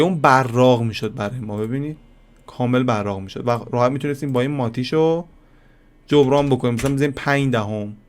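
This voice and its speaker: A man giving a casual screen-recorded software lesson, talking to viewers like friends and thinking aloud as he clicks through settings. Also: medium pitch. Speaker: software tutorial instructor.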